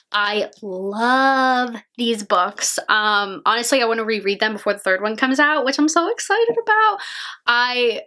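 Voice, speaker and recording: Gushing, bright-voiced young woman vlogger. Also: medium pitch. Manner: gushing and chatty, heavy use of "like". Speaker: book vlogger. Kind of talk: casual book review vlog.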